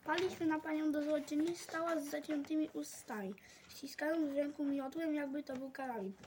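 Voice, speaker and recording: A woman reading a children's novel aloud as narrator, in measured storytelling and raising her voice for quoted speech. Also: high voice, a little mellow, a little hiss or hum.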